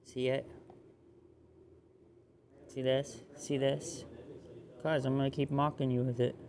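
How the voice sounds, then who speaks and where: A man in a rambling monologue to camera, repeating phrases and dropping to low mutters. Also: level tone, takes it slowly, a little mellow. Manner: repetitive, drops to low mutters.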